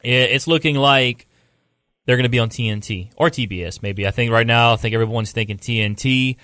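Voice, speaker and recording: A man's voice: mid-range voice, a little fast, sharp tone, clean tone, dry recording. Male host, mid-range voice, laid-back, reads news aloud, dry close mic. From Louisiana. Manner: laid-back, stumbles over the read text. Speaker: podcast host. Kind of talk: casual podcast chat, reading news aloud.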